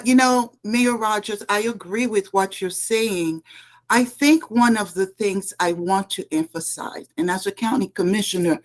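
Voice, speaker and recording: This is a middle-aged woman from Haiti, answering questions as a candidate in a panel interview. She speaks earnestly and with emphasis, stacking her points one after another. Her voice sits at an ordinary pitch for a woman. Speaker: political candidate.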